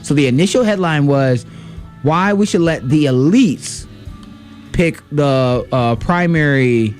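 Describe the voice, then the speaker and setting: An animated man co-hosts a political talk radio show, interjecting and exclaiming as he riffs. His voice sits a little high and swings widely in pitch. Faint music plays underneath. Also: slow pace. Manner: animated, exclaims often, says dog.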